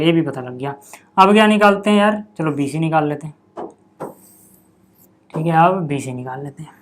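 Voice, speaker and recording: A man's voice: on the high side, slight background noise. A man teaching a maths lesson at a board, chatty, often checking in with his students. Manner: chatty, repeats 'theek hai' and 'yaar' to students.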